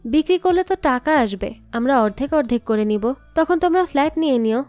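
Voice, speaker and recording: A woman's voice: sits high, lively intonation, quick pace, darkish tone. A woman reading the lines of a blunt middle-aged man pushing his own plan, in her own voice.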